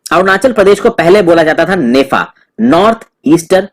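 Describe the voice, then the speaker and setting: A young male tutor with a fairly high voice gives a relaxed exam-prep lecture. He talks to viewers as friends and mixes in English terms as he walks them through a map. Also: moderate pace.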